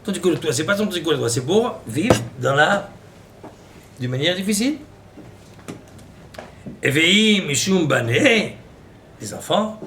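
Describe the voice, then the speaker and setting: Male rabbi, lively storyteller voice, fairly high, hiss behind it. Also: a little slow, long pauses. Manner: storytelling with Hebrew and Aramaic quotes, animated. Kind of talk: Torah lesson in French. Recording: noisy recording.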